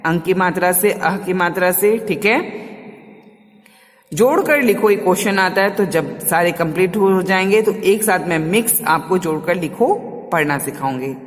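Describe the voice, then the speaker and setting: A woman's voice: on the low side, moderate pace, in a large hall. A woman teacher giving a revision class to small children, patiently repeating words for them to say back.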